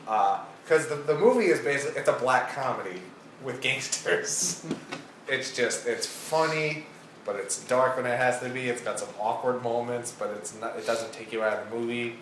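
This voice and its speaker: A man's voice: medium pitch, fairly quick, echoey room, noisy background. A man co-hosting a casual film chat, enthusiastic and fond of quoting lines. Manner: enthusiastic, quotes movie lines. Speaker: podcast co-host.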